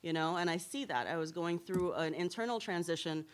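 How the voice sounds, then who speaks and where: A woman in her thirties from Trinidad and Tobago talks as an interview guest at a symposium. Her voice sits a little low, and she tells her story in a lively, candid way. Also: fairly quick, a little hiss or hum. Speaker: hair blogger, interview guest.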